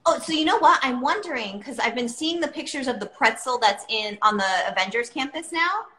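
Bubbly woman podcast host in her 30s, slightly high voice, roomy echo. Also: expressive, fairly quick, pushed and bright. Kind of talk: casual chat.

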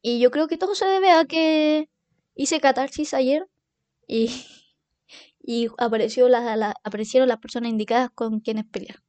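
A young woman in her twenties with a Chilean accent, telling stories in a casual, animated monologue and swearing freely. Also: sits high, normal speed, no echo. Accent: Chilean Spanish. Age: 20s. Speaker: podcast host.

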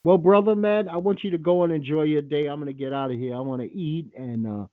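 A man's voice: a little high, fast, no echo, phone-quality sound. A man hosting a call-in show, talking in a blunt, profane and opinionated way. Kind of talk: casual call-in radio talk.

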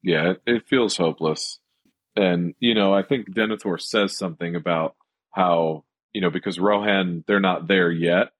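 A man's voice: low-pitched, normal speed, no echo. A man co-hosting a podcast, talking about a film in casual chat and rambling with lots of fillers. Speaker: podcast co-host.

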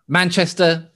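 English man, guest on a talk podcast, halting and searching as he explains. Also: sits high, a bit bright. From West Midlands, England. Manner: halting, with frequent restarts and laughs. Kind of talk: thoughtful conversational interview.

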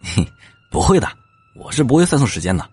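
A man's voice: medium pitch, big pitch swings, quick pace, a little mellow, slightly rough, no room sound, soft background music. A man playing a smug, teasing young cop. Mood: casual. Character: cocky young male police officer, smug and teasing. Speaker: police officer. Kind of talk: audio drama acting.

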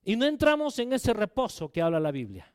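A man's voice: high voice, wildly swooping pitch, a little fast, smooth, dry recording, clean studio sound. An older man, a pastor, preaching a sermon in a conversational way, asking rhetorical questions and acting out quotes.

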